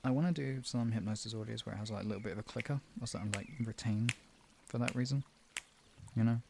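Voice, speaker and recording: He speaks quickly in a lowish, darkish voice with vocal fry, and there's a little hiss or hum. This live stream host and relaxation guide chats informally and spontaneously with viewers, tending to ramble and trail off mid-thought.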